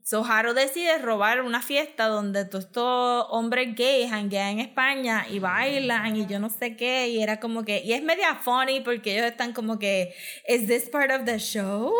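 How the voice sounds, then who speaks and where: Bright-voiced chatty woman. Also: fairly high pitch, normal speed, hardly any pauses. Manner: chatty, mixes in English words, frequent fillers and laughs. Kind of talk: casual chat, film recap.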